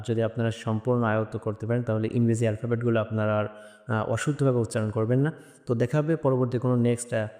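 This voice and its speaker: A man from Bangladesh teaching a lesson, hesitant, with frequent "ah" fillers, repeating sounds slowly. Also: mid-range voice, mellow. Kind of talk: spoken lesson. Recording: long echoing reverb.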